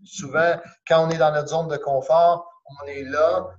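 A man with a Québécois French accent, a karate instructor chatting as an interview guest in a warm, encouraging way and slipping in English phrases. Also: on the high side, steady tone, measured pace, dull audio. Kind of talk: casual interview chat.

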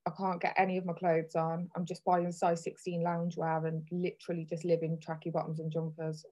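A woman's voice: on the low side, monotone, brisk, mellow, low-quality recording. Candid, chatty woman hosting a podcast, thirties. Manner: candid and chatty, laughs easily. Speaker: podcast host. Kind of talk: casual chat.

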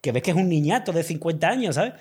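A man's voice: on the high side, very animated, fast talker, darkish tone, slightly rough. A man, chatting casually and enthusiastically about films as a podcast co-host, full of slang. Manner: enthusiastic, uses slang and filler words. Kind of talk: casual film discussion.

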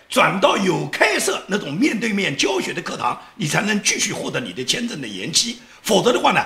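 A man's voice: high voice, sharp tone, echoey room. A man giving a political commentary monologue, sarcastic and scornful, often laughing mid-sentence.

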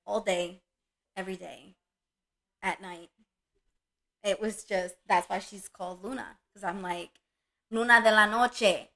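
A woman talks in an easy, casual chat, her voice carrying a gravelly edge. She tells stories with lively energy and slips into playful voices for her dogs. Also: medium pitch, measured pace, pauses often, low-quality recording. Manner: animated storyteller, acts out her dog's voice. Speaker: dog breeder.

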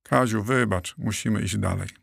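A man doing a calm, matter-of-fact cormorant. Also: lowish voice, moderate pace, creaky, husky, full character voice. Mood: polite. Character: calm male cormorant guide.

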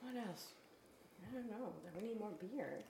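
Lively Mexican-accented woman, teasing. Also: a little high, normal speed, a crowd in the background. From Juarez, Mexico. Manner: playful, teasing, laughs often. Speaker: podcast host. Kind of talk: casual group chat. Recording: echoey room.

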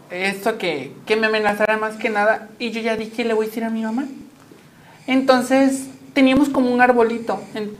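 A young woman with a Mexican accent speaks as a guest in an interview. She is chatty and animated, with plenty of fillers and a mid-range pitch. Faint background noise sits under her voice. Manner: animated, chatty, laughs often, many fillers. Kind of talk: personal storytelling in conversation.

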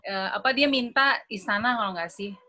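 Brief: an unsure woman chiming in casually, bright tense tone. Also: mid-range voice, moderate pace. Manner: hesitant, unsure guessing. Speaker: session participant. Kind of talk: casual group chat.

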